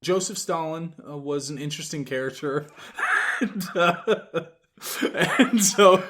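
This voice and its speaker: A man's voice: fairly high pitch, unhurried, noisy background. Rambling man in a comedic movie chat. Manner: rambling, laughs often at his own jokes. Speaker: podcast co-host.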